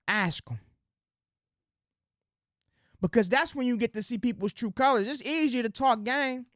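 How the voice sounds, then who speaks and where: Unhurried and very high-voiced, a political commentary host preaches to camera in slang-heavy speech, addressing everyone as ladies and gentlemen. Quotes he acts out come in a gentle, sweet-talking voice. The recording is dry and close.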